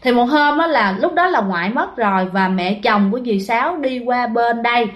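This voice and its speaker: A woman's voice: on the high side, lively intonation, normal speed, soft background music. A woman telling a ghost story in a chatty way, often speaking straight to her listeners. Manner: chatty, addresses listeners directly. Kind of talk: casual ghost story narration.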